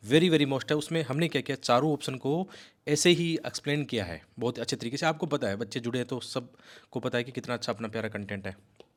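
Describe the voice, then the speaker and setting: Speaking in a mid-range voice, a man coaches students for the civil service exam with a rapid, forceful explanatory lecture. He sprinkles in English words while urging his class on.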